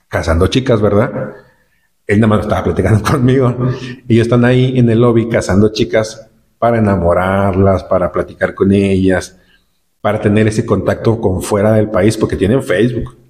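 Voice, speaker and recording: Northern Mexican man, vlogger, somewhat low voice, loose rambling storyteller who repeats himself. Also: normal speed, darkish tone. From Nuevo León, Mexico. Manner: rambling, repeats words, frequent "este" fillers. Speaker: vlogger recounting a trip. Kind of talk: casual storytelling.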